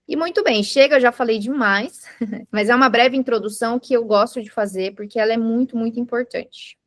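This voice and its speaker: This mindfulness instructor speaks briskly, her voice on the high side with a fairly bright tone. She leads a live group in an indoor room, patiently explaining through everyday examples and questioning the class. The recording is dry and studio quality.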